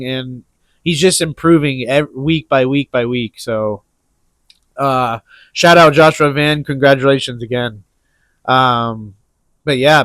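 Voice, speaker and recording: This higher-pitched man hosts an MMA commentary channel, talking casually about sports on his own with a stuffy nose. He rambles, restarting often and leaning on fillers. There's no echo.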